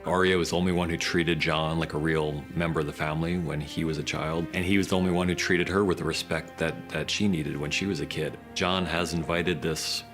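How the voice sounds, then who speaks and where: A man's voice: extremely low pitch, steady tone, fairly quick, hardly any pauses, over music. A man giving behind-the-scenes interview commentary on a drama series. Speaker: series creator commenting on episode.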